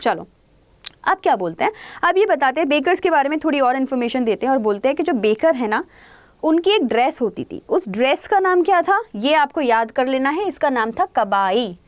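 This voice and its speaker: A young Indian woman teaches an online exam-prep lesson in a high, bright voice. She keeps it lively by asking questions and answering them herself, then slows right down to read passages aloud. The recording is close and dry, with no room sound. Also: no echo. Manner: explains in Hindi mixed with English, reads text lines slowly; lively, asks and answers her own questions.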